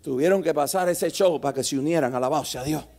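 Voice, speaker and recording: A male pastor preaching a sermon at a church service, swinging from soft asides to shouted exhortation. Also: a little high, quick pace.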